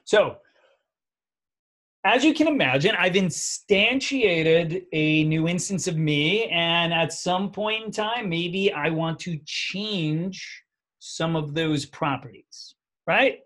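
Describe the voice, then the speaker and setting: A man's voice: a little high, slow, a bit bright. Chatty New man teaching code. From New York. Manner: casual, chatty, frequent "right?" checks. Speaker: coding instructor. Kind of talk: live online coding class.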